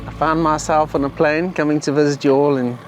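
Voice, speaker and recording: A man's voice: on the high side, little pitch movement, brisk, music in the background. A man with a South African accent, chatting casually. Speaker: safari outfitter, guest angler. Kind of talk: casual chat. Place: outdoors on a fishing boat.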